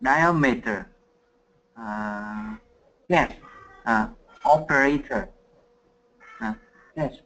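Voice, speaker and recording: Very slow, hesitant male student. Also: mid-range voice, fairly bright tone, rough recording. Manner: halting, with many long hesitations between words.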